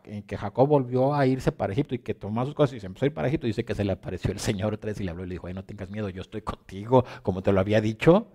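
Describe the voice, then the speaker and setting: In a medium-pitched voice, a man delivers a sermon and reads from scripture. He repeats phrases, alternating between soft and loud passages.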